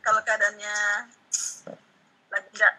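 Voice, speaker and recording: Breathy, bright-voiced woman student. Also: mid-range voice, completely flat delivery, measured pace, poor audio. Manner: inquisitive, repeats words to practice. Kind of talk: asking questions in an online lesson.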